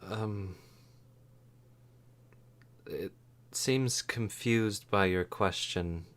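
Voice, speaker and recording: A man's voice: on the low side, very slow, fairly bright tone, slight background noise. A man acting as game master, casually narrating and improvising a tabletop role-playing game.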